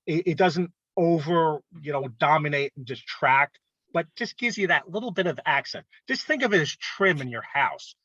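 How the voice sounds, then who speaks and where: A man presenting rules to an art club in a casual instructional talk, often pausing to ask "okay?". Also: a little high, animated, bright, forceful tone, no echo, highs cut off. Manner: conversational, frequent "okay?" check-ins.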